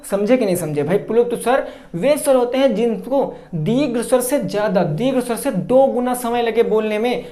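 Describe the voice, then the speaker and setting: A man's voice: high voice, a little mellow. Male teacher in an echoey room. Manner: asks a question then answers it, often checks understanding; drawn-out words for examples. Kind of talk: exam-prep grammar lesson.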